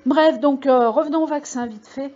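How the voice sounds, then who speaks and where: A woman's voice: high-pitched, moderate pace, darkish tone. Woman rambling to her viewers on her own channel, lots of uh's, kinda muffled mic sound. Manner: rambling, many fillers, emphatic warnings. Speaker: video channel host. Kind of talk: casual monologue to viewers. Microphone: microphone. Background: computer mail alerts.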